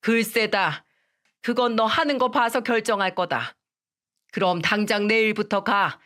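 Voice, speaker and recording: A cold, commanding mother-in-law lays down orders in a spoken radio story, as a woman puts her on. She talks deliberately, in a firm, scolding tone. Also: medium pitch, fairly bright tone, close to an everyday voice. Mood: stern.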